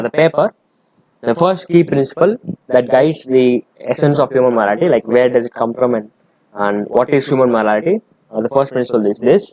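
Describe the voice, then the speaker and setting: Man, mid-pitched, hesitant, lots of fillers, reading and explaining a paper, dry sound. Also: a little mellow, no room sound, low-quality recording. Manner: hesitant, many fillers and restarts. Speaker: channel host explaining a research paper.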